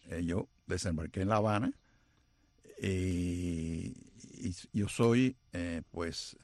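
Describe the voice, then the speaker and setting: A man's voice: low-pitched, slow pace, darkish tone, dry recording. Older Honduran-born man telling stories. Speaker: guest, television producer. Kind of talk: radio interview.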